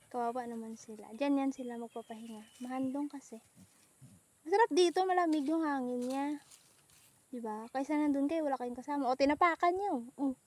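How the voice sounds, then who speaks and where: A woman's voice: sits high, brisk. A young woman chatting playfully in a casual outdoor vlog by rice fields, joking and teasing as she talks. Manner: chatty, playful, mixes Tagalog and English. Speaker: vlogger.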